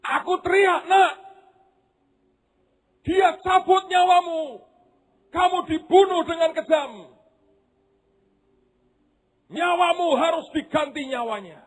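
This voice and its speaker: A preacher voicing a grieving, vengeful middle-aged mother who shouts and weeps in a retold story. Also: very high voice, lively intonation, moderate pace, husky, pitched above the performer's own voice, exaggerated voice. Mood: furious. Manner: shouting, tearful outbursts.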